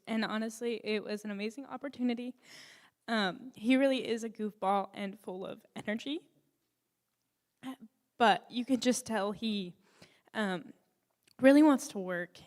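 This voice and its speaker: Woman, puppy raiser, emotional halting remarks, hall reverb. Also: mid-range voice. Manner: emotional, tearful, hesitant. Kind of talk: graduation speech.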